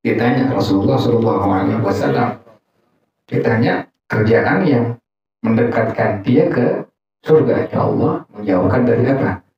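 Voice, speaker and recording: Before an audience in a gathering room, an Islamic teacher leads an informal religious study class, joking and quizzing listeners with questions. His voice is lowish and darkish at a normal speed, captured from a distance by a dull mic in an echoey room.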